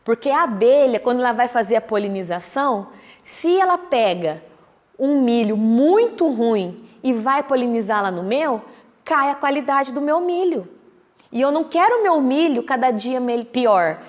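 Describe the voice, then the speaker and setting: A woman's voice: fairly high pitch, animated, moderate pace. A Brazilian woman giving a public talk at a Spiritist center, telling a story and acting out what other people say. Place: meeting hall of a Spiritist center. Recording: echoey hall.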